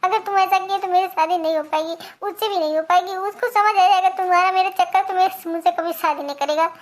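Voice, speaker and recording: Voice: very high voice, fairly even intonation, fast. Performer voicing a pleading young village woman. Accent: Awadhi. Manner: soft, pleading and coaxing.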